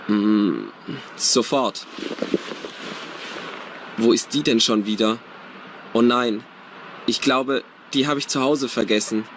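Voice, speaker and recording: A man's voice: medium pitch, slow pace, pauses often. A man acting a flustered, forgetful train passenger in a scripted language-exam dialogue. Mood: flustered, searching. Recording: clearly noisy train-like ambience.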